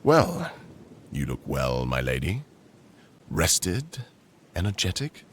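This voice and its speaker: This deep, gravelly male voice portrays a commanding, possessive conqueror king for a boyfriend roleplay, speaking in slow, measured, formal lines. The performance is very animated and exaggerated while the mood stays dry and controlled, over a faint hiss or hum.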